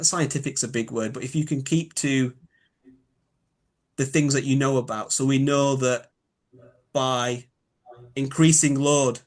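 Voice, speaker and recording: Yorkshire man, expert guest, mid pitch, thoughtful, rephrases on the fly. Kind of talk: explanatory interview talk.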